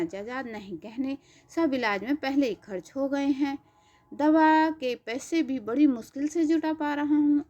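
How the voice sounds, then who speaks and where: A woman's voice: sits high, a little mellow, exaggerated voice. A woman voicing a tearful little girl who begs with a childlike lisp, on a dull lo-fi recording. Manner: childlike lisping plea.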